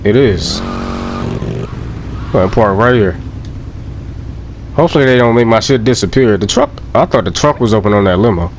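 A young man giving loud, profane, joking let's play commentary and laughing often. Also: lowish voice, lively intonation, moderate pace, long pauses, a little hiss or hum. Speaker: gameplay commentator.

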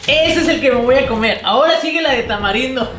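A man's voice: extremely high pitch, expressive, fast, slight background noise. A man playing a silly, greedy, childlike clown in a children's slapstick sketch, whiny and full of exclamations. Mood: gleeful, greedy. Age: young adult. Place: tiled living room and kitchen at home. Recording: roomy, loud music over voice.

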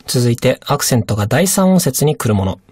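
Very low-voiced woman explaining a lesson. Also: big pitch swings, fairly quick, darkish tone, breathy edge, dry recording, studio quality. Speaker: language course instructor.

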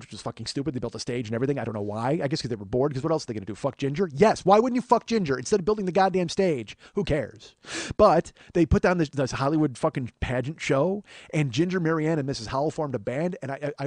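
This is casual chat from a middle-aged man hosting a comedy podcast: a profane, rambling comic monologue full of self-interruptions and digressions as he gets worked up. He sounds a little high and a little mellow, with no room sound.

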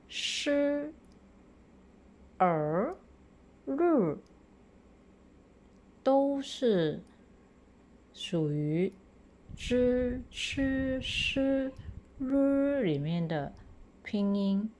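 A woman teacher from Malaysia, reading example words slowly and clearly for pupils to repeat. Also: medium pitch, warm tone. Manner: slow, drawn-out model reading for pupils to repeat. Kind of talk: slow classroom pinyin lesson.

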